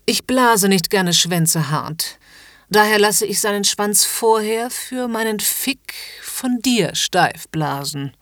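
A woman's voice: medium pitch, animated, slow pace, fairly bright tone, no echo, clean studio sound. A woman voicing a haughty, domineering upper-class lady in a commanding, mocking whispered role-play.

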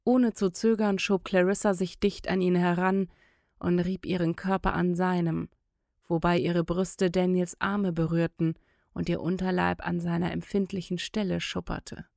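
Woman reading an audiobook, low gravelly voice, dry close mic. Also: flat delivery, moderate pace, darkish tone, no room sound. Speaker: audiobook narrator. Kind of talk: scripted audiobook narration.

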